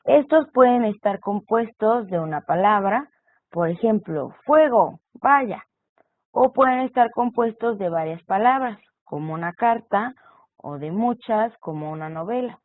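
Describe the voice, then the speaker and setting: A woman's voice: mid-range voice, expressive, normal speed, dry recording. Tinny-sounding woman teaching a lesson. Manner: explanatory, spells out examples. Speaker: online course teacher. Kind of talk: recorded online lecture. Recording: tinny phone-like audio.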